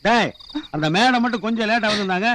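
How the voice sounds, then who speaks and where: A man playing a cheeky household cook in a comedy film, with quick mocking banter. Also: high voice, a bit bright. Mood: scolding. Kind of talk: Tamil film comedy acting. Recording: noisy film soundtrack.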